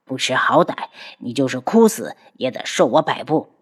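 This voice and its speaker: A woman's voice: sits low, animated, normal speed, husky, pitched below the performer's own voice. A woman doing a cold, cruel villain doctor. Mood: menacing. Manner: menacing, sneering threats.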